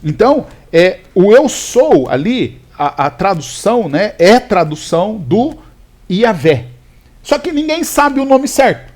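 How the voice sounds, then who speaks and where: A male pastor explaining scripture in a casual chat, telling it with animated restarts and fillers. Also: high voice, slow. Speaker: pastor, podcast co-host.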